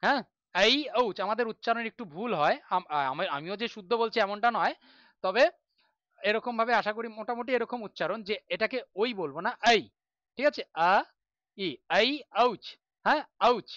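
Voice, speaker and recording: Male teacher, bright and crisp, patient explainer who chants drills; dry, dull lo-fi sound. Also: high voice, moderate pace, dry recording. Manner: patient, reassuring, recites syllables in a chant. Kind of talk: online grammar class.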